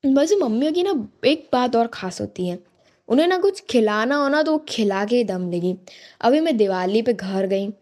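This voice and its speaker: A woman's voice: fairly high pitch, sing-song, moderate pace, a little mellow. A teenage girl from India telling a chatty, exasperated stand-up story for a school radio show. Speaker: student stand-up performer. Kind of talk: stand-up comedy monologue.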